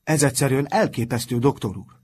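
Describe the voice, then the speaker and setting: A man reading aloud and voicing a sneering, mocking older schoolboy prefect in a raised, loud voice. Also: mid-range voice, lively intonation, husky, pitched above the performer's own voice. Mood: indignant.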